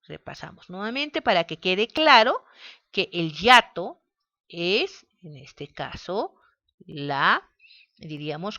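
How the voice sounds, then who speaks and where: A woman teaches a grammar lesson at a very unhurried pace, drawing out each syllable. Her voice sits a little low but sounds bright and clear. The recording is dry with a dull, lo-fi quality. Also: no echo. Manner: slow, deliberate, spells out syllables.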